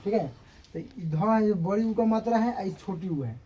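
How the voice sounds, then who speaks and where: A man's voice: high-pitched, moderate pace, dark tone, husky, rough recording. A male teacher giving a classroom grammar lecture, explaining step by step and often checking that students understand.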